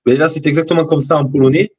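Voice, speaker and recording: A man's voice: fairly high pitch, steady tone, fast, darkish tone, breathy edge. A man speaking as a guest over a video call, his voice dull and lo-fi. He talks in a hesitant way, full of fillers and restarts. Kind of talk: casual chat.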